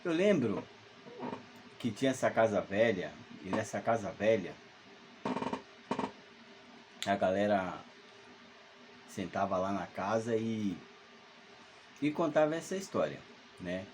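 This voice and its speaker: This casual ghost story comes from a Salvador man in his fifties, alone at home, recalling something eerie from childhood in a halting, rambling way full of fillers and false starts. He sounds low-pitched and very animated, speaking unhurriedly with frequent pauses over background noise.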